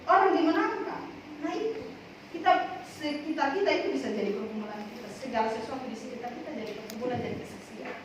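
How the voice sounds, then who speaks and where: A woman with a high voice preaches a sermon full of personal testimony, her emphasis rising and falling. She is heard from a distance in a very echoey prayer hall, with clear background noise. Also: animated, quick pace. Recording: echoey hall, from far off, noisy.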